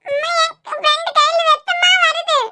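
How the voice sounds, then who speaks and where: A woman's voice: little pitch movement, normal speed, very noisy. A woman voicing a small worried girl in a cartoon, speaking with a Kanyakumari Tamil accent in a pleading, insistent way. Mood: pleading, tearful. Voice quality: high, bright childlike voice. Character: small tearful girl, worried about her father. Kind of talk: cartoon voice acting.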